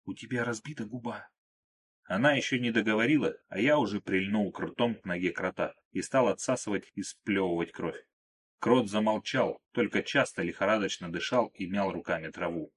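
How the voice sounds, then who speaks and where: A man reads a first-person audiobook in a calm, measured way. His voice sits low and sounds husky. The telling stays even and unhurried. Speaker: audiobook narrator.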